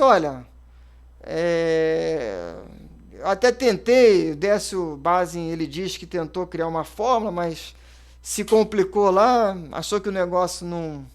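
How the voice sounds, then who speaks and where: A Brazilian man, an investment advisor in his thirties or forties, explaining investing in a casual, conversational way with fillers and self-corrections. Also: sits high. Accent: Brazilian Portuguese.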